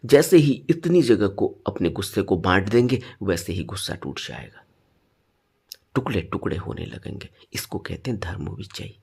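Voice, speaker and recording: A man teaching meditation in a spoken dharma talk, stressing points with sudden rises and then dropping low. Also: big pitch swings, normal speed, creaky, darkish tone, breathy edge.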